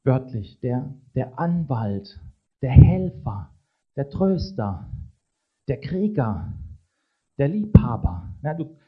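A man preaching a sermon in a conversational way, often checking in with the congregation with quick tag questions. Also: medium pitch, big pitch swings, breathy edge, lo-fi sound.

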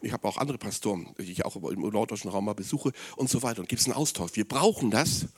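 A man preaching a sermon as pastor, asking the congregation questions and lifting his voice high for quoted words. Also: quick pace, slightly rough. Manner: animated preaching, voice rising sharply for quoted words; addresses listeners directly with rhetorical questions.

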